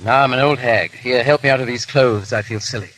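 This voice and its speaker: An actor playing a grave, resolute English baronet who secretly rescues the condemned, in measured 1930s radio style with an English accent. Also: male voice, mid-range voice, a bit bright, close to an everyday voice, poor audio. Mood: brisk, wry. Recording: hissy 1930s radio broadcast.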